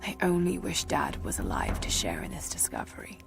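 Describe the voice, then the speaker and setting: A whispering young adventurer. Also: female voice, very deep voice, huge pitch swings, brisk, vocal fry, music in the background, heavily acted. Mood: hushed, reflective. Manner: breathless inner monologue. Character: determined young woman adventurer exploring ruins. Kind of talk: whispered role-play.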